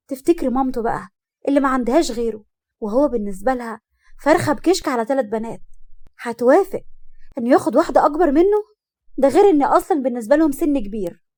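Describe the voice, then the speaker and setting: A woman's voice: high-pitched, warm tone, lightly acted. A woman voicing a wary 28-year-old woman who defends her reasons, in an Egyptian accent.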